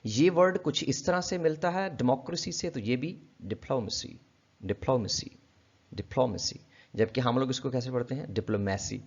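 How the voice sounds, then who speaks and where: A man giving a casual pronunciation lesson, repeating each word slowly and addressing viewers politely. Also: medium pitch, slightly rough. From Pakistan. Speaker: English pronunciation teacher. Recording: dull lo-fi audio.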